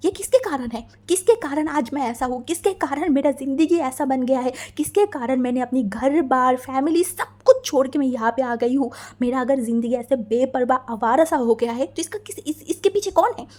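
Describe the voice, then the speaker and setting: A woman voicing an obsessive, possessive young husband who speaks in an intense, hushed, menacing way. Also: sits high, expressive, normal speed, few pauses. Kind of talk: fan fiction story reading.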